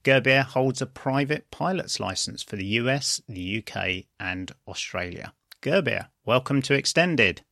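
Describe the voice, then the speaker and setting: A man's voice: medium pitch, animated, a little slow, gravelly, bright, forceful tone, no room sound, clean studio sound. A man hosting a podcast in a scripted but chatty way, with sibilant sounds whistling through his teeth. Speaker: podcast host.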